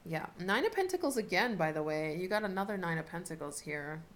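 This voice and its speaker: A woman giving a casual, unscripted tarot reading as host, talking in a chatty, halting way as she thinks aloud. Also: lowish voice, animated. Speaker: tarot card reader hosting a video reading. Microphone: camera set up in front of the speaker. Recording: noticeable background noise with clicks.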